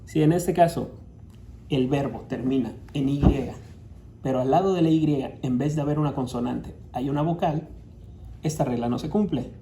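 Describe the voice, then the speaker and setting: An English teacher with a Latin American Spanish accent records a grammar lesson, patiently explaining each rule step by step. His mid-range voice is very dark and mellow, he reads English examples slowly, and a faint room hum sits behind him.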